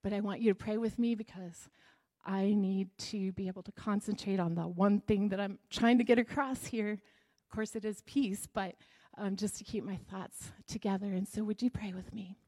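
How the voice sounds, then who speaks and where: A woman preaching a sermon to a congregation, chatty and lively, laughing often, dropping to a soft whisper when she prays. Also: medium pitch, normal speed.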